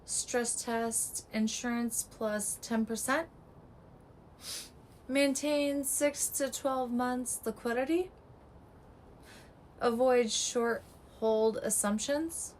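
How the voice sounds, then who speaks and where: A woman delivers a real estate breakdown in short, clipped fragments at an unhurried, deliberate pace. Her voice sits fairly high and sounds strained, as if it is giving out, with faint noise in the background. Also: rough recording. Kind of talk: scripted market breakdown.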